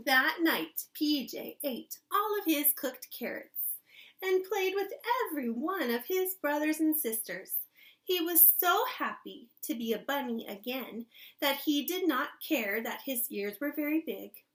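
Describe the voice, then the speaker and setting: With a high-pitched, lively voice that's a bit bright, a woman who teaches kindergarten reads a story out loud. She gives it plenty of expression and pauses to quiz the little ones listening.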